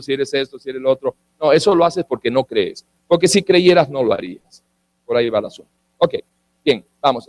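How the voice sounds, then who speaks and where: Man, pastor, fiery sermon, somewhat high voice, dry sound. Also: darkish tone, dry recording. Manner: emphatic, blunt, many restarts, acts out quoted voices.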